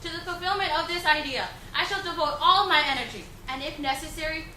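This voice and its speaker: A woman's voice: very high-pitched, fairly quick, pushed and bright. A woman playing a defiant young female anti-war activist, declaiming impassioned speeches. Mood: solemn, resolute. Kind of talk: dramatised historical speech. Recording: echoey room with faint background noise.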